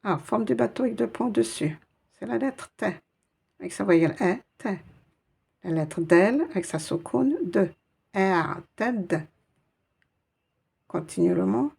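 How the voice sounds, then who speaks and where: A woman's voice: mid-range voice, animated, unhurried, creaky, pauses often, darkish tone, slightly rough. A woman teaching Arabic reading in a patient, encouraging way, naming each letter and sound one by one. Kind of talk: slow step-by-step reading lesson.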